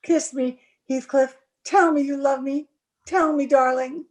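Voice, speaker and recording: This old-time radio performance has a woman playing a lovelorn, miserable young bride in a gothic drama. Her high voice is slow, steady, and somewhat dark, pleading with emotion in a theatrical, vintage manner.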